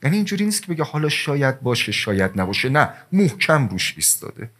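A man preaching a sermon, telling stories with sudden rises and drops in pitch and loudness, and speaking directly to his listeners as dear ones. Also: sing-song.

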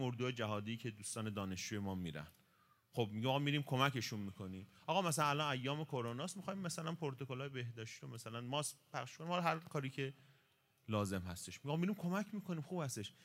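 A man's voice: mid-range voice, fairly bright tone. A man giving a conversational religious talk, explaining points and posing rhetorical questions that he answers himself. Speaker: religious lecturer.

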